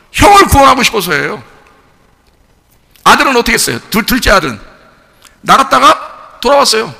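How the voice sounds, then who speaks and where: A man's voice: high voice, gravelly, bright, forceful tone, long reverb tail. A man, a pastor, preaching a sermon in a conversational way, often asking the congregation questions.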